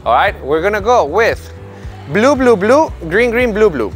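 A man's voice: high voice, very animated, a little slow, faint music behind. A man in his thirties coaching young children on an indoor tennis court, explaining drills to the camera and calling out commands to the kids in an upbeat, encouraging way. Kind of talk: instructional video narration.

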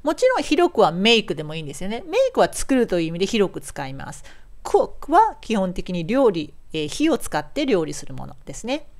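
A middle-aged woman teaching English in Japanese, explaining phrases patiently step by step and modeling English lines slowly. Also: mid-range voice, very animated, darkish tone.

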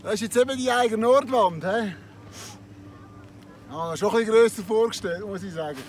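A man's voice: high voice, normal speed. A man in his thirties from Zurich with a Zurich Swiss German accent, playing a boastful city tourist in a comedy sketch, mostly filmed outdoors. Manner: boastful, lively, asks eager questions. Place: outdoors on ski slopes and in a village.

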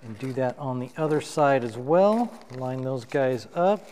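A middle-aged man demonstrating how to assemble lighting gear at a table in a dark studio, talking as he works. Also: medium pitch, animated, in a large hall, a little hiss or hum. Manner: unhurried, talks while assembling gear. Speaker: photographer reviewing gear. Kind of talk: hands-on gear demo. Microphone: wireless lapel mic.

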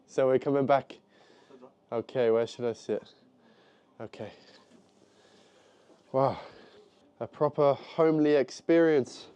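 A man speaks as a travel vlogger, chatting casually in short remarks. His voice is dark and mellow, at an average pitch. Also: slow pace, pauses often, clear, resonant tone, lo-fi sound. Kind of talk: casual travel vlog commentary.

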